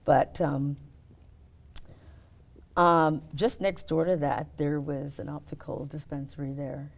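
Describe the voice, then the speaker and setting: A middle-aged woman talking casually in an interview about her work as an optician, explaining step by step with many pauses. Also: low-pitched, level tone, gravelly. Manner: explains step by step, hesitant fillers.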